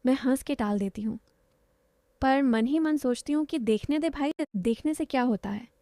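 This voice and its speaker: A young woman narrating a first-person romantic story in a soft, confiding, intimate way. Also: sits high, normal speed, no echo, clean studio sound. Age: young adult.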